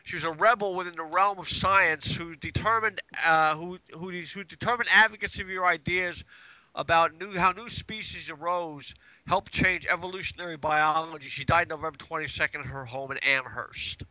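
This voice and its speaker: High, very bright-voiced male co-host. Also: moderate pace, dry recording, rough recording. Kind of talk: casual talk-show chat.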